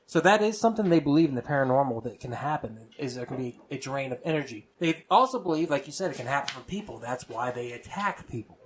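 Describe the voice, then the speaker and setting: A man's voice: medium pitch, expressive, fast, few pauses, slight background noise. A man co-hosting a casual podcast, telling loose stories and swearing freely. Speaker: podcast co-host.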